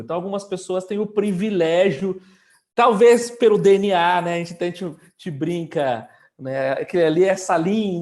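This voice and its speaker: A man's voice: high voice, a little mellow. A man talking about entrepreneurship in a casual interview, telling a travel story with many fillers. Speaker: guest entrepreneur.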